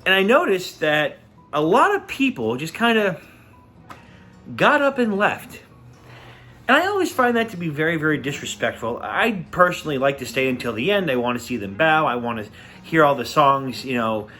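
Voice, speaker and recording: A man's voice: a little high, sing-song, moderate pace, bright, forceful tone, soft background music. A man giving a casual, enthusiastic concert review, gushing and repeating words as he talks.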